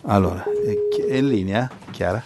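A man's voice: lowish voice, normal speed, heavy background noise. A man hosting an informal religious online chat, talking in a joking, teasing way. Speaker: host of a religious online talk.

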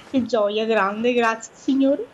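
A woman's voice: on the high side, moderate pace. A woman with a Veneto accent from northeastern Italy, chatting casually and effusively as a call-in guest. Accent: Venetian (Veneto) Italian. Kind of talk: casual chat.

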